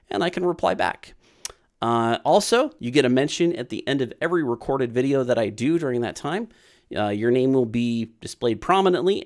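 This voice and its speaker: Rambling, repetitive and full of fillers, a medium-pitched man in his thirties runs a casual programming livestream Q&A on webcam from a small room.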